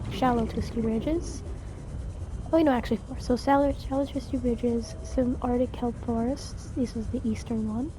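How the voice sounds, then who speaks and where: Over game sound and some background noise, a woman with a high-leaning voice walks viewers through a video game, offering informal commentary and step-by-step instructions.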